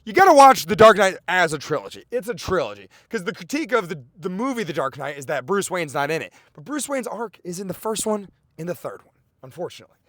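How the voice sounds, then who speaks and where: A man with a high, lively voice rambles through a comic podcast monologue. He is excitable and profane, and he keeps drifting off on sidetracks. The recording is close and dry. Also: fast, no echo. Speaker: comedian podcast host.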